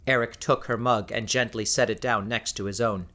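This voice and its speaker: Here a fairly low-voiced man narrates scripted fiction for an audiobook, measured and descriptive in delivery. His tone stays steady while sounding pushed and bright.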